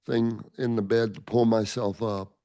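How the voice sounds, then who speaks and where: A man's voice: lowish voice, level tone, measured pace, dark tone, no echo. An eighty-eight-year-old man in casual group chat, asking plain questions and giving brief replies. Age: 80s. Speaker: meeting participant.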